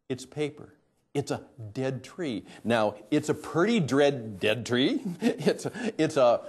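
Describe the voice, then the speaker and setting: Middle-aged guy hosting from a studio floor, bit high, voice jumps around a lot, goes loud then hushed. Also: breathy edge. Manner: emphatic, swings between loud and hushed. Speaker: host. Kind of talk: energetic presenting to camera.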